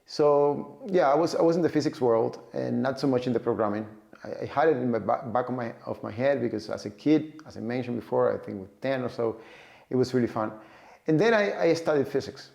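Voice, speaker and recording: Talking to camera about his personal route into tech, a data and AI professional from Cuba in his forties speaks with a Cuban accent and lots of fillers and repetition. His medium-pitched voice is gravelly and a little mellow, expressive, and fairly quick.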